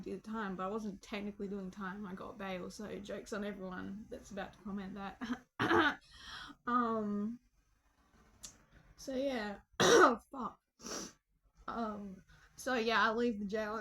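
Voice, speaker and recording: This young vlogger speaks at a medium, slightly bright pitch, and the audio quality is poor. Telling a personal story in a relaxed way, she's full of slang and profanity, cracks jokes and says "bro" constantly.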